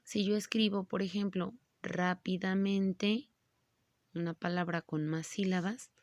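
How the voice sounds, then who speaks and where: A woman teacher giving a grammar lesson, speaking slowly and patiently and stretching words out syllable by syllable. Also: mid-range voice, steady tone, a little mellow, no room sound.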